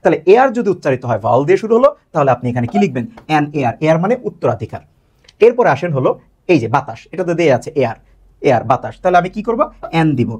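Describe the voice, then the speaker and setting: A man's voice: on the high side, very animated, racing, darkish tone, slightly rough. A man teaching an English grammar lesson to students, asking rhetorical questions and answering them himself, repeating key words for emphasis.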